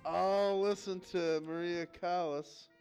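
A man's voice: high voice, fairly even intonation, slow, darkish tone, soft background music. A man co-hosting a podcast, trading crude, profane jokes in casual banter. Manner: joking, profane, breaks into song. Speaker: podcast co-host.

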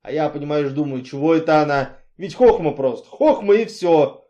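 A man's voice: on the high side, normal speed, dark tone, dull audio, natural voice. Man voicing a brash back-slapping boss. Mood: jovial. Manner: blunt, jovial, bossy.

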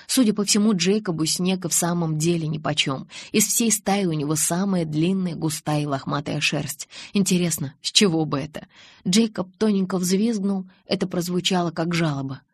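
A reader tells a novel in first person, steady and scripted. The sound is dry and close, with no room around it. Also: mid-range voice, moderate pace, husky, no room sound. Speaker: audiobook reader. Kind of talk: scripted audiobook narration.

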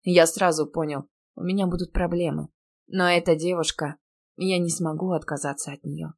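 A woman reading an audiobook, voicing a calm, teasing young male PE teacher who speaks softly and tenderly. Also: fairly low pitch, moderate pace.

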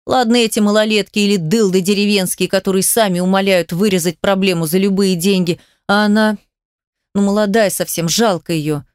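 A woman's voice: medium pitch, fairly even intonation, a little fast, clear, resonant tone, dry recording, studio quality, natural voice. A woman voicing a tired, blunt female hospital doctor who talks in coarse everyday speech. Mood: weary, pitying. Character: weary, world-worn female hospital doctor.

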